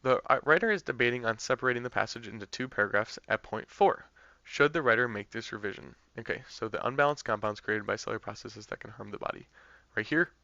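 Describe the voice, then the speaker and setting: Male tutor, bright forward voice, casual step-by-step explainer, dry slightly dull recording. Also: medium pitch, fast talker, vocal fry, no echo. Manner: conversational, thinking aloud with fillers and restarts. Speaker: test prep tutor. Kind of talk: explaining practice test answers.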